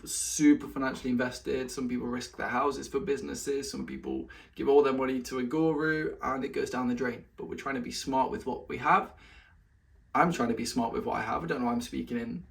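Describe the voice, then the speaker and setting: A man talking straight to the camera in a relaxed weekly update. His voice sits at an ordinary middle pitch, and he sounds a little out of breath as he chats through his plans. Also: brisk, creaky. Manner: chatty, talks to his cat in a high sing-song voice between points. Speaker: vlogger giving weekly update. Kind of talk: casual solo update vlog.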